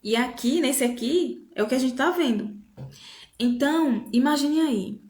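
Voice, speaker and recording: A woman giving an emotional devotional testimony, talking softly and haltingly with many pauses. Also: sits high. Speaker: women's devotional speaker. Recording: echoey room.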